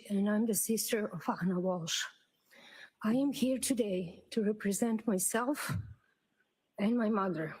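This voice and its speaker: A woman in a courtroom recording, reading a prepared impact statement at the witness stand in a measured, solemn way. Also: fairly high pitch, darkish tone, low-quality recording. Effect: courtroom audio feed played on a livestream. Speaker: victim's sister giving an impact statement.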